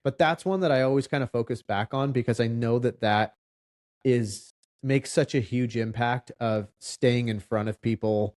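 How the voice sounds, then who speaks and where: A man speaking at an ordinary pitch in a casual podcast conversation. He explains things conversationally, acting out little example lines as he goes. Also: normal speed, a little mellow. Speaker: loan officer, podcast co-host.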